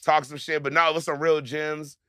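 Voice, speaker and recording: A man's voice: a little high, level tone, a little fast, sharp tone, smooth, no room sound, clean studio sound. A man hosting a casual podcast, loose and joking as he hypes up his guest. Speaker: podcast host.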